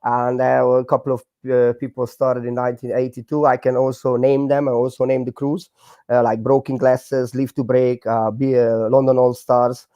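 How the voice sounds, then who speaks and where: A Hungarian breakdancer in his forties tells his story as a guest in a casual interview, using many fillers and halting non-native grammar in a Hungarian accent. His medium-pitched voice is level and dark, with no room sound.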